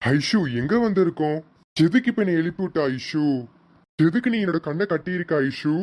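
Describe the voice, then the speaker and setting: A man's voice: on the high side, fairly quick, darkish tone, natural voice. Man voicing an emotional young husband. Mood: hurt. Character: young husband, emotional, loving elder brother. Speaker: fan-made serial voice actor. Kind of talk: amateur serial drama dubbing.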